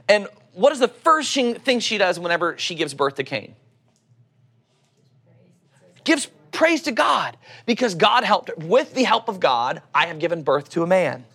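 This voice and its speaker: Male preacher, middle-aged, Oklahoma accent, somewhat high voice. Conversational, teacherly delivery of scripture. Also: pushed and bright. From Oklahoma, United States. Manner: teacherly, asks rhetorical questions and answers them. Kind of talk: conversational sermon with scripture reading.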